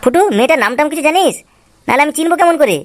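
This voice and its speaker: A woman's voice: expressive, very fast, slight background noise. A woman voicing a scheming father who sweet-talks his son in a cartoon. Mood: curious. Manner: coaxing aloud, cursing in low mutters. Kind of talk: Tweencraft cartoon voice acting. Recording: music playing behind the voice.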